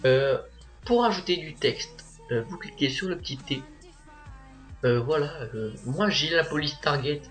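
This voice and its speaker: A teenage boy narrating a software tutorial as a voice-over, hesitant and full of filler sounds. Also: on the high side, expressive, measured pace, faint music behind. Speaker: tutorial maker.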